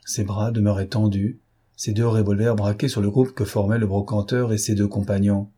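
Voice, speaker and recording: A man narrating an audiobook in a measured, dramatic reading. His voice is low and husky with a warm, mellow tone. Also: flat delivery. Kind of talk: scripted narration.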